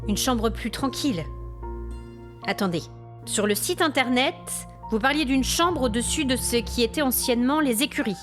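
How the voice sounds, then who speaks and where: This acted audio fiction monologue features a woman with a natural, higher-leaning voice, speaking at a moderate pace over music. She portrays an indignant female hotel guest with ghost complaints, sounding haughty, aggrieved and demanding. Her mood is wary yet exasperated.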